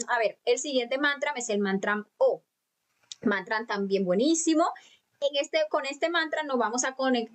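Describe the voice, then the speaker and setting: Woman spiritual teacher, slightly high voice, patient, drawn-out chanting, online lecture. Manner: calm, patient instruction with drawn-out chanted syllables; speaks directly to students, many fillers and restarts. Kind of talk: live online lecture on mantras. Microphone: computer mic for video conference.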